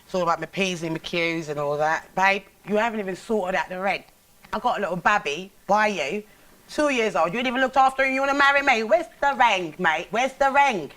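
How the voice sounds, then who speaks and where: A woman's voice: mid-range voice, animated, a little fast, a bit bright, lightly acted. Woman doing a brash Cockney girl. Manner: brash, confrontational.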